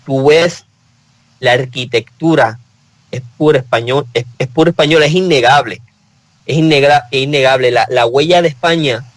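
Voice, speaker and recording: A man's voice: medium pitch, normal speed, no echo, poor audio. A man with a Puerto Rican accent, speaking as a guest in a casual panel discussion and telling personal stories earnestly. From Puerto Rico.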